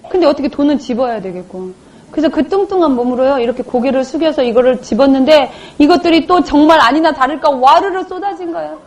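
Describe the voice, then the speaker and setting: A woman's voice: high voice, darkish tone. A woman in her forties giving an emotional personal testimony on stage, telling her story dramatically and acting out the voices of people she quotes. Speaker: motivational speaker.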